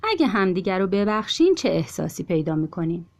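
A woman voicing a patient father rabbit who speaks calmly and gently. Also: medium pitch. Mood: gentle. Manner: calm and gentle.

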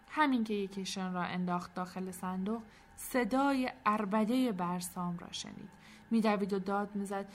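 A woman narrating a storybook in an expressive, clear storytelling manner. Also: mid-range voice, a little hiss or hum.

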